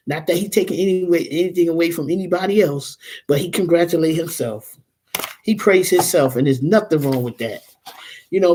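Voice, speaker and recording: A woman's voice: low voice, a little mellow, slight background noise. Woman, 40s, tarot reader, casual rambling livestream host, addresses viewers directly.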